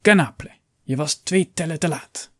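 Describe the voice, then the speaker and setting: Guy putting on a bossy young king, snappy commands, kinda husky, dry sound. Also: medium pitch, animated, normal speed, dark tone, no echo, lightly acted. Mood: angry commanding. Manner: commanding, stern. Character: imperious young male king, quick-tempered.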